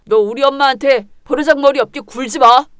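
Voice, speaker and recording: A selfish young husband who sides with his mother, blunt and contemptuous, as a woman puts him on. The voice is pushed lower and sounds dry and close in a dramatized story reading. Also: fairly even intonation, a little fast, a bit bright, no echo. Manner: lower put-on voice, blunt and dismissive.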